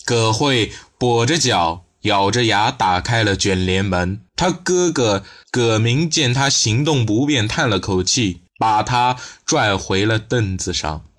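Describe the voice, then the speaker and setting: A man narrating a crime novel as an audiobook in a steady storytelling way. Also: lowish voice, slow pace, few pauses. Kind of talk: scripted narration.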